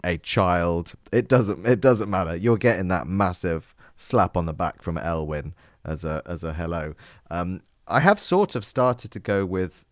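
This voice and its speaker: A man's voice: low-pitched, no room sound, clean studio sound. A man co-hosting a music podcast, chatting casually and playfully with lots of fillers and jokes. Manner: playful, jokey, rambling with fillers. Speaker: podcast co-host.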